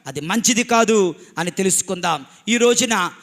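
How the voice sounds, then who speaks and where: High, bright-voiced priest preaching emphatically. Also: male voice, lively intonation, normal speed. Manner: emphatic, repetitive, asks rhetorical questions. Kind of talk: Christmas Mass homily. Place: church during Mass.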